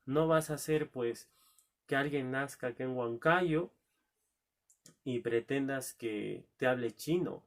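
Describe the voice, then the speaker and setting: A man teaching a recorded lesson, asking rhetorical questions and answering them himself, drawing out key words. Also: mid-range voice. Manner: drawn-out stressed key words.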